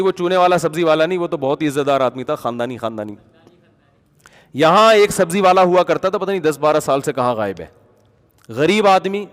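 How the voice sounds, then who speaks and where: A man preaching a storytelling sermon in an animated, conversational way that rises to emphatic peaks. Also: a little high, big-room sound. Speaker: Islamic preacher.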